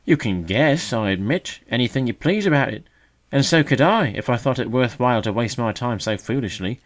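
A man's voice: medium pitch, animated, moderate pace, pitched above the performer's own voice, natural voice. Man doing a magpie, male, older, conceited, mocking, mock-solemn, raised voice.

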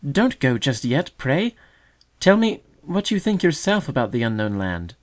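A man voicing an innocent young male sedge warbler, earnest and high-pitched. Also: very animated, normal speed, darkish tone. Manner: earnest and trusting.

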